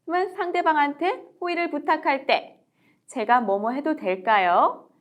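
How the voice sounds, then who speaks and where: A woman teaching English in a recorded lecture, repeating English phrases slowly and clearly, with a friendly, encouraging tone. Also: sits high, muffled recording. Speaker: English teacher and book author.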